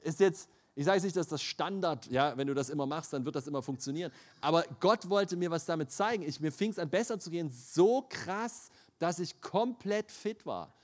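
A middle-aged male preacher with a slightly raised pitch delivers a lively sermon. He tells personal stories and acts out what people said. He laughs often as he preaches. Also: normal speed, few pauses. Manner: animated storytelling, laughs often, acts out quotes.

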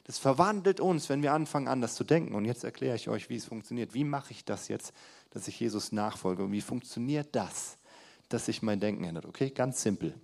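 A young man preaching a sermon to a congregation in a church hall, lively, with loud emphasis and quiet asides, asking the room questions. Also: mid-range voice, a little fast, vocal fry.

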